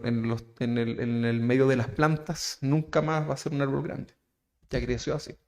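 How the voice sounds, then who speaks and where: A man with a Chilean accent preaching a sermon as pastor, asking his listeners questions and tagging lines with "¿verdad?", swinging from loud emphatic phrases to soft asides. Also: medium pitch. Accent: Chilean Spanish. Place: church.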